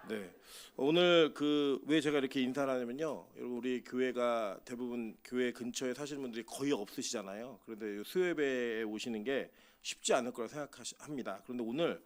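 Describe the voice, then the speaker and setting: A male pastor preaching a sermon at a midweek church service, talking conversationally and telling humorous stories with acted-out dialogue. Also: medium pitch.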